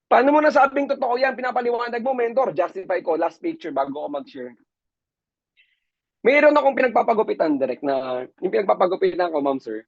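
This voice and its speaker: A man from the Philippines, a business mentor giving a lively motivational seminar talk and often addressing his audience as ma'am and sir. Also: high-pitched, a little fast, gravelly, no echo. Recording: dull lo-fi, dry sound.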